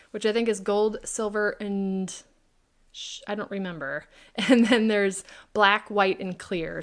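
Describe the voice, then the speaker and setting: Chatty woman demoing craft products. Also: medium pitch. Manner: chatty, answers viewer questions by name. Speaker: craft product demonstrator hosting a livestream. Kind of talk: live product demo chat.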